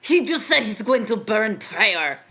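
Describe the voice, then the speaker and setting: Bright excitable woman playing a game. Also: medium pitch, measured pace. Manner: excitable, squealing. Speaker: player. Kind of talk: casual game chat.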